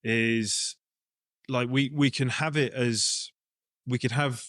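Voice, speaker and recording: An English-accented rugby coach and club director talks casually as an interview guest, working through his ideas informally as he goes. His mid-range voice is steady, slow, and a bit bright, captured cleanly in a studio with no echo.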